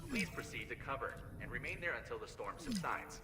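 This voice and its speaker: A man voicing an in-game park staff announcer, giving a formal safety announcement over a loudspeaker. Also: medium pitch, very animated, fairly quick, slight background noise. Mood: official. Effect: over a park loudspeaker, like a megaphone.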